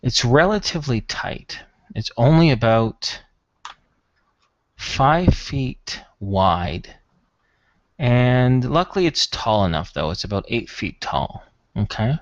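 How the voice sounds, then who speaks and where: A man's voice: medium pitch, very animated, takes it slowly, no echo, lo-fi sound. A man narrating a tabletop role-playing game as game master in a conversational, improvised way.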